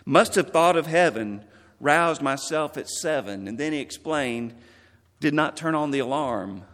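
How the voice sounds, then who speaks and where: A man preaching a memorial sermon in a church, earnest and measured, quoting scripture. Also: a little high, animated, fairly bright tone, big-room sound. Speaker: pastor.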